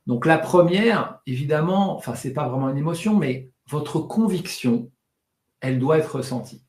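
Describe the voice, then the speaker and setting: Guy running a public speaking class online, talks fast, mumbles a bit, acts out examples, echoey room. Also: on the high side. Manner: demonstrative, exaggerates loud, fast and monotone delivery for effect; tends to talk fast and swallow words. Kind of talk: live online training session.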